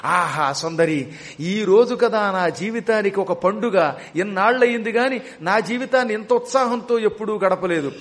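A male storyteller voicing a vain, lustful male commander who woos and boasts in a slow drawn-out way. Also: high voice, close to an everyday voice. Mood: fawning boastful. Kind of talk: storyteller acting a character.

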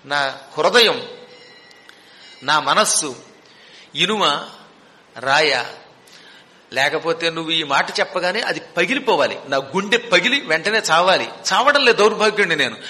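A man's voice: fairly high pitch, lively intonation, measured pace, long pauses, pushed and bright, heavily acted. A man voicing a grieving old blind king. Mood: lamenting. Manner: lamenting, self-reproaching. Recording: long reverberant hall.

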